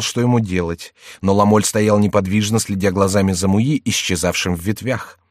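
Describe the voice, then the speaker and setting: A man narrating a historical adventure novel in a measured, even reading. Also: lowish voice, no echo, clean studio sound. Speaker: audiobook narrator.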